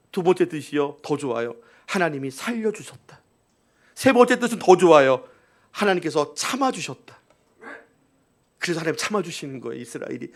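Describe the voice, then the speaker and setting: A male pastor preaching a live Sunday sermon. He tells a story, acts out quotes and keeps asking the congregation rhetorical questions. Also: fairly high pitch. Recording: live church service.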